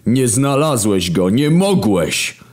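Man voicing a wrathful almighty god, slow, booming, solemn, storybook reading. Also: very animated, a little mellow. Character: almighty male creator god, wrathful and scheming.

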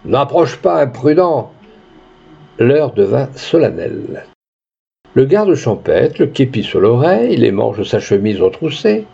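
A man reading a classic short story aloud with expressive, lively intonation. His voice is dark and gravelly with a husky edge. The recording sounds dull and lo-fi. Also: medium pitch. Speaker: audiobook narrator.

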